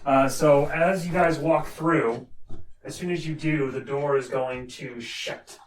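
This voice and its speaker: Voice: mid-range voice, steady tone, slow pace. A game master narrating a tabletop role-playing game and giving players instructions. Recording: roomy, distant mic, faint noise.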